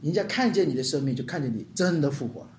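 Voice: medium pitch, animated, fast talker, a little mellow, a little hiss or hum. A pastor preaching with emphatic rhetorical questions and calls for the congregation to repeat after them. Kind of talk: sermon. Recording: roomy hall sound with faint guitar.

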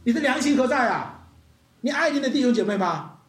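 A stern male master scolds his ungrateful servant in a high, indignant voice, acted out by a preacher. The pitch leaps around, and the voice echoes through a large room. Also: animated, fairly quick. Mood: scolding.

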